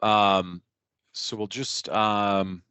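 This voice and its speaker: A man's voice: lowish voice, level tone, extremely slow, pushed and bright, clear, resonant tone, no room sound. A man hosting a product webinar in a casual, hesitant way, with many fillers and "right?" tags. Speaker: webinar host.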